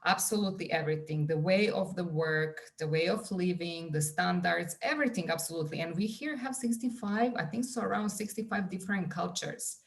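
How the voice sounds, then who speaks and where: A woman's voice: lowish voice, brisk, gravelly, hardly any pauses. A woman in her forties with a Serbian accent, a wellness coach talking earnestly as a podcast guest with many fillers and restarts. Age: 40s. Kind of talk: conversational podcast interview.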